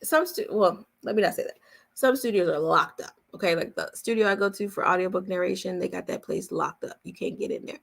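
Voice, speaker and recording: In a casual live Q&A, a voice-over coach speaks a little fast in a lowish, creaky voice. She goes through her points one by one, emphatically and with repetition.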